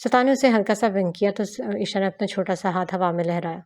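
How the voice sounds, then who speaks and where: A woman narrating a romance novel aloud in a steady, even storytelling manner. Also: medium pitch. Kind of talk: audiobook novel reading.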